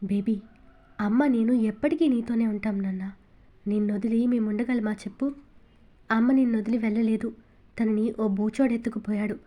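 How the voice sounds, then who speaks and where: A woman voicing a loving young father who gently soothes his son and stays resolute. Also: on the high side, natural voice.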